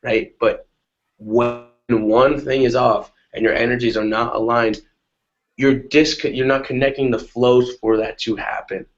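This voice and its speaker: A man's voice: medium pitch, unhurried. Man giving a pumped-up motivational talk. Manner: energetic, repetitive, says "right?" often. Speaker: guest on a webinar. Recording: dull lo-fi webinar audio.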